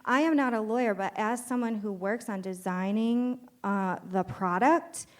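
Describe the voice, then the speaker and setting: A woman's voice: medium pitch, normal speed. A woman speaking as a panelist at a live podcast taping, making her point emphatically through rhetorical questions and frequent fillers. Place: conference stage before an audience.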